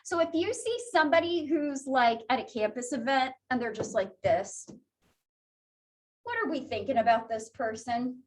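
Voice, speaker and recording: A woman's voice: high-pitched, moderate pace. A woman teaching a psychology class in a chatty, conversational lecture style, laughing often. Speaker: psychology instructor.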